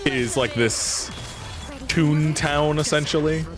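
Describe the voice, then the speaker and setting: A male streamer gives casual live commentary in a blunt, informal manner with plenty of swearing. Game music is clearly audible behind his voice. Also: fairly high pitch, slow.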